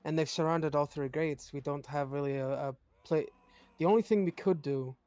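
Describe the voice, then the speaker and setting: Game player guy, kinda higher voice, calm reasoning tone. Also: brisk, no echo, soft background music. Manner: reassuring, reasoning aloud. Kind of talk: casual in-character game talk.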